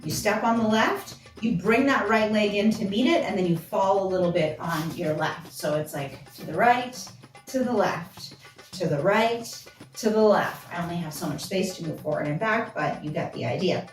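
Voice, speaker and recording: Dance teacher counting steps in a roomy space. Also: female voice, medium pitch, animated, normal speed. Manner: counting steps aloud while dancing. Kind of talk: dance tutorial instruction. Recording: roomy, from a distance, with music.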